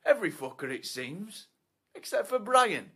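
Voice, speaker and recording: An actor playing a foul-mouthed, menacing man obsessed with his disco night, swinging from hushed whispers to shouts. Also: high voice, sing-song, moderate pace, slightly rough, heavily acted. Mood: scornful. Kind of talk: short film monologue.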